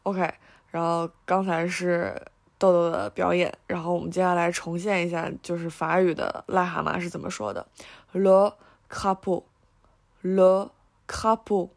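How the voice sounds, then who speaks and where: A woman hosting a language podcast, explaining words in a chatty manner and slowly over-enunciating French words. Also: lowish voice, level tone, creaky. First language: Mandarin. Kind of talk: casual educational talk.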